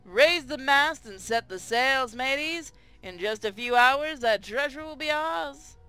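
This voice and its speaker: Casting: young female pirate captain, played by a man, high and bright, boastful, theatrical game read-aloud. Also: animated, unhurried, clean tone, no room sound, faint music behind, full character voice. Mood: rallying. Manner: theatrical, triumphant declaiming. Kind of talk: hobby visual novel read-aloud.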